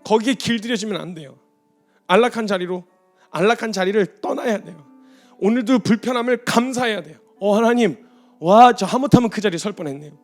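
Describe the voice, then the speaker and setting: A man preaching a passionate sermon as a missionary, moving from quiet, intense talk to shouted exhortation. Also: sits high, brisk, faint music behind.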